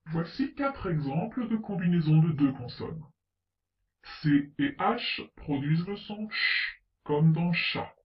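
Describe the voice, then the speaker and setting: Slow, deliberate male teacher in a roomy echo. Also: a little high. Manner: slow, deliberate, spelling out letters and example words. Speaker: French pronunciation teacher. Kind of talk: scripted lesson narration. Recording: roomy, distant, slightly dull sound.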